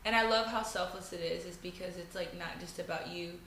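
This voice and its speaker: Woman interview guest, gravelly edge, bright, enthusiastic, echoey home room. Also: on the low side, a little fast, a little hiss or hum. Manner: enthusiastic, warmly affirming. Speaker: guest, beauty brand founder. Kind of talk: casual conversational interview.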